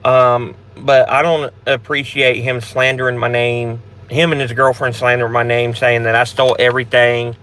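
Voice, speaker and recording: A man's voice: medium pitch, level tone, normal speed, hardly any pauses, fairly bright tone. A man hosts a casual live question-and-answer stream, talking bluntly and rambling from one point to the next. He restarts his sentences often and swears freely. Faint background noise sits under his voice. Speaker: host of a paranormal channel.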